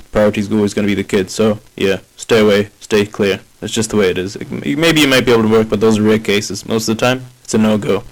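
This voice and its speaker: A man's voice: lowish voice, poor audio. A man hosting a video, giving viewers matter-of-fact advice and commentary.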